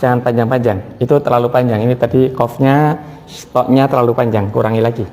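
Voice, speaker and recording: A man from Indonesia teaching a Quran recitation lesson. He moves between slow, melodic recitation and brisk, corrective explanation. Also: medium pitch, steady tone, a little mellow. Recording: hall reverb, faint room noise.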